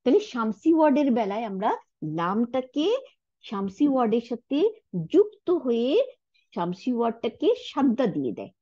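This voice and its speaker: A woman giving a recorded Arabic lesson, explaining step by step and often checking understanding with a quick "right?". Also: a little high, animated, dark tone, no echo, muffled recording. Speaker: Arabic teacher.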